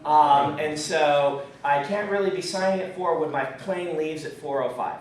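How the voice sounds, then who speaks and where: A man's voice: fairly high pitch, a little slow, a little hiss or hum. A man in his thirties giving a casual writing lecture at a fan convention, chatty with many ums and restarts, his speech a little muffled by a throat lozenge. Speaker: writing teacher. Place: convention room, in front of an audience. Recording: echoey hall, far from the mic.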